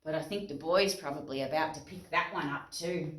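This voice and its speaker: Deep-voiced and fairly quick, an Australian woman hosts a children's storytime, reading with lots of expression. She poses questions to her young listeners and keeps explanations simple. The sound is distant and echoey, with guitar music.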